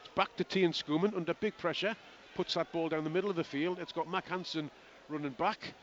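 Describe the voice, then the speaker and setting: A man's voice: fairly high pitch, steady tone, a bit bright. Man calling rugby live over crowd noise. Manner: rapid running play-by-play with chatty asides. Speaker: play-by-play commentator. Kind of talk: live radio rugby commentary. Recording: lo-fi broadcast with outdoor crowd noise.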